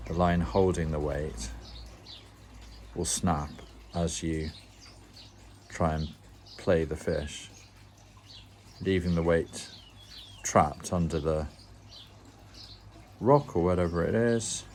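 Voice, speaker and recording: Very deep-voiced man explaining a fishing rig. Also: darkish tone, a little hiss or hum. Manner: plain explanatory with dry self-mocking humor. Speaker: angling channel host. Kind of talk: step-by-step rig-tying tutorial.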